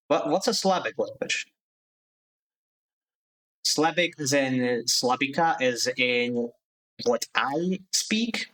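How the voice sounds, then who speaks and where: Over a low-quality recording, a young man from Slovakia with a mid-range, fairly bright voice rants on a live stream. He curses freely and restarts his sentences as he gets worked up.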